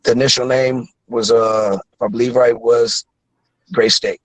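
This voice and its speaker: A man's voice: mid-range voice, level tone, a little slow, no room sound, poor audio. Earnest rambling man in his thirties. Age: 30s. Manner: earnest, rambling with many fillers. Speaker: caller. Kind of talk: casual call-in chat.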